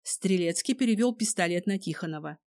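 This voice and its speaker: A woman reading a first-person dramatic story aloud, expressive throughout. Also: on the low side, fairly quick. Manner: expressive, voices each character. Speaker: audiobook narrator.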